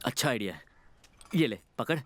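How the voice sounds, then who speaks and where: A young actor dubbing a cheeky tea boy on the run, quick and wisecracking. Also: mid-range voice, very animated, lightly acted. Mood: plotting. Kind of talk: Hindi film dub.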